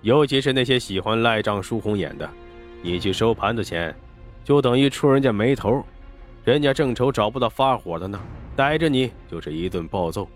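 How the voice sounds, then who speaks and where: A man doing a gruff, commanding older boss. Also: lively intonation, faint music behind, close to an everyday voice. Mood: gruff amused. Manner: slow, low, domineering. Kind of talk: audiobook character voice.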